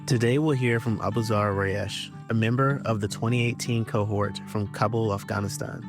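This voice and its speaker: Man announcer, lowish voice, smooth scripted read, guitar music playing behind. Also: steady tone, normal speed. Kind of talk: scripted podcast intro.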